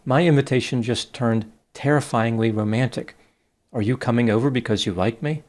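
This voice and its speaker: A man reading out the messages of a flirty female AI chatbot, slowly and plainly. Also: mid-range voice, darkish tone, lightly acted. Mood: gushing.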